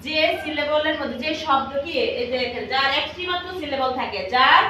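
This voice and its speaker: A woman's voice: high-pitched, fairly quick, sharp tone, slight background noise. Woman teacher quizzing a class over and over, echoey room, far from the mic. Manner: repetitive, drills pupils with questions. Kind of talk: classroom lesson with call-and-response.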